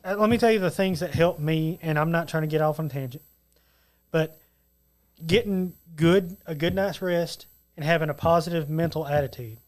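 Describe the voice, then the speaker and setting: Male co-host, high voice, blunt and self-deprecating, casual. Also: moderate pace, darkish tone. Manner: self-mocking, blunt opinions. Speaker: podcast co-host. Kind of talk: casual chat. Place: studio.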